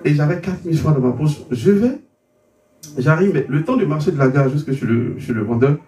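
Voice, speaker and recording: A man's voice: on the high side, animated, fairly quick, warm tone. A man from Côte d'Ivoire, giving a testimony as an interview guest. He tells his story with stumbling repeated words and acts out the dialogue in it. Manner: stumbling repetitions, re-enacting dialogue. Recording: roomy sound, distant mic, faint background hum.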